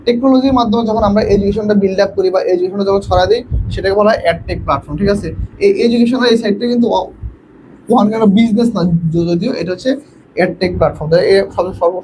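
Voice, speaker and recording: A young man from Bangladesh teaching an online admission coaching class, quizzing students and urging them to answer quickly, often repeating himself and mixing in English words. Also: sits high, darkish tone, slight background noise, low-quality recording. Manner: repetitive, mixes in English words.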